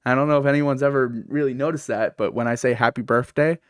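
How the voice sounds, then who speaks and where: A fast-talking podcast host and streamer with a lisp, saying f for th, keeps a steady tone in his mid-range voice. His casual solo podcast is candid, self-deprecating and rambling, heard in a dry, studio-quality recording.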